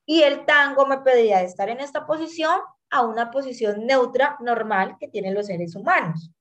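A woman in her thirties with a Colombian accent, a guest in an interview telling her life story in an earnest, animated way and acting out what people said. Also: on the high side, normal speed, highs cut off. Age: 30s. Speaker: guest, tango dancer.

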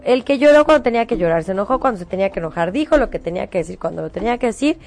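A middle-aged Mexican woman, a show host, giving spiritual advice in a coaxing, animated way. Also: medium pitch. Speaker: host giving angel predictions.

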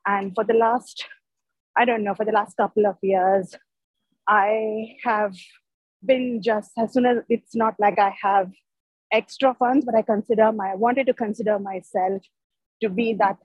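A devout woman giving an informal, deliberate spoken testimony to a prayer group on an online call. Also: mid-range voice, steady tone, darkish tone, slightly rough, no echo. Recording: dry, dull call audio.

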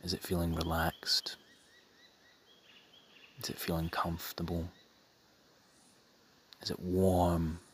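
A man softly leads a guided meditation in a breathy, soothing half-whisper, using measured phrases and long pauses. His voice is low and monotone, with slight background noise.

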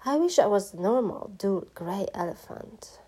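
A woman's voice: medium pitch, lively intonation, normal speed, dark tone, slightly rough. A woman voicing a mournful talking elephant. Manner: mournful, weary sighing.

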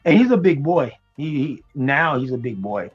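A man from the United States, raised in New York and Florida, talking as an interview guest in a relaxed, hesitant way with many ums. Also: medium pitch, normal speed, slightly rough, muffled recording, faint music behind. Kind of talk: casual interview chat.

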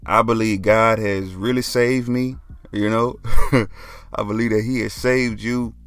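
A man's voice: on the low side, steady tone, measured pace, a bit bright, smooth, no room sound. A young man, talking casually as a podcast host, laid-back and joking, often dropping "man". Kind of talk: casual solo podcast talk.

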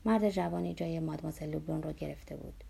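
A woman reading a memoir aloud in a measured, somber way, dropping to a hush at times. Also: low voice, creaky, husky. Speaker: narrator. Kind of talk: scripted narration of a memoir.

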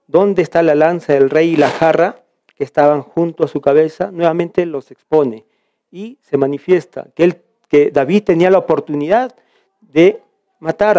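A man's voice: on the high side, dark tone, no room sound, dull audio. A man from Peru leading a church Bible study, reading scripture aloud and explaining it with frequent restarts.

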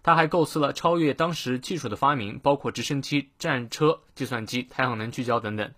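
A man hosting a short daily English lesson, explaining a quote word by word and slowing down to model its pronunciation. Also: medium pitch, fairly bright tone. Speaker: English teacher, host of a daily morning reading show.

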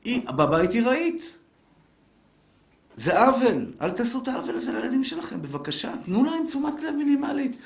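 Middle-aged rabbi in an echoey room. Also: male voice, very high voice, vocal fry. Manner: lively, talks straight to listeners with rhetorical questions. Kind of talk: live Torah lesson to an audience. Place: lecture room with a seated audience. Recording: roomy echoing room.

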